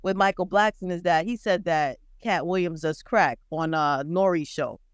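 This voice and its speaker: A woman co-hosting a podcast, chatting bluntly and profanely about celebrity gossip with lively storytelling. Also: fairly low pitch, normal speed, dry recording. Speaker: podcast co-host. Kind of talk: casual pop-culture chat.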